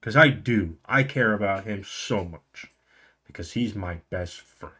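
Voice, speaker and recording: A man's voice: on the low side, measured pace, bright, forceful tone. A young man telling a story casually to camera as a vlog host, enunciating carefully through a tongue and cheek left numb by the dentist, slightly slurred. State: mouth numb on one side after the dentist, slightly slurred. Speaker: video host.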